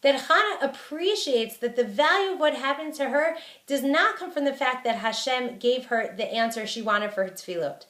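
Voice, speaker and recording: A woman's voice: high voice, animated, moderate pace, fairly bright tone, reverberant. A woman teaching a Torah lecture. She explains verses in plain terms and stresses points through repetition.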